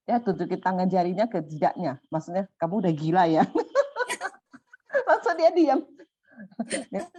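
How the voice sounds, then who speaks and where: Animated woman, low husky voice. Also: dry recording. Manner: animated, rising high when excited, soft and low when calm. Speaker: volunteer sharing a personal story. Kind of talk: casual storytelling in a sharing session. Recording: muffled dry sound.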